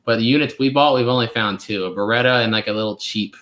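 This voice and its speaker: In a recording with roomy echo, a channel host in his twenties talks fast in a mid-range, slightly bright voice. He keeps his live Q&A casual and laid-back, rambling along with plenty of fillers.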